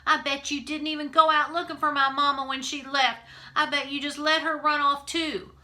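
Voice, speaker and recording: A woman voicing an upset, stubborn young girl who pleads and shouts, high and loud. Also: normal speed, close to an everyday voice. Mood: shouting angrily.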